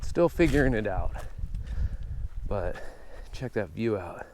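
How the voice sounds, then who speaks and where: A man's voice: fairly low pitch, sing-song, takes it slowly, darkish tone, slight background noise. A man narrating casually while hiking a trail outdoors, out of breath, with rambling self-deprecating asides. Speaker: hiking vlogger. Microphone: newly bought camera microphone.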